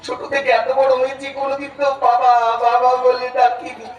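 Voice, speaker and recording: A man's voice: very high voice, flat delivery. A male stage actor playing an anguished son who longs for his father, in an impassioned, pleading, melodramatic folk theatre style. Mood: sorrowful longing. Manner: impassioned, pleading, drawn-out emotional delivery. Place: folk theatre pandal before an audience. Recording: echoey crowded stage PA from far off.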